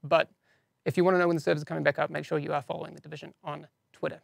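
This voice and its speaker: A man's voice: a little high, level tone, very fast, creaky, no echo. A man with a non-standard English accent hosting a live game-news stream, giving casual updates with chatty, self-deprecating asides. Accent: non-standard English accent, teased by viewers.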